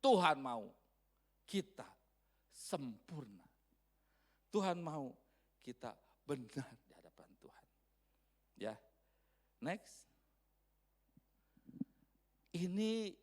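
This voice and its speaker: A man preaching a sermon in church, animated, swinging between loud emphasis and quiet asides. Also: fairly high pitch, slow pace, pauses often. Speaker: pastor.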